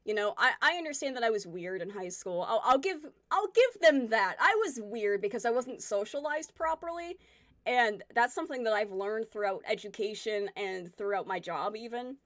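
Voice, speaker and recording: A woman's voice: fairly high pitch, lively intonation, normal speed, a bit bright, no echo, clean studio sound. A woman in her twenties chatting casually with her stream viewers, candid and rambling as she reflects and reacts to comments. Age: 20s.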